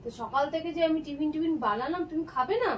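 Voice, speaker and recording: A very high-voiced woman plays a worried wife, pressing with questions in a pleading, insistent way. She is heard from a distance, with faint room noise behind her. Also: fast, dull audio. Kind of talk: short family drama acting.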